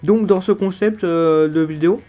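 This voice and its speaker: A man's voice: high-pitched, moderate pace, mellow, dull audio. A man with a lisp, slushy s sounds and slurred articulation, narrating humorous video game theories in a mock-serious, emphatic manner. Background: background music.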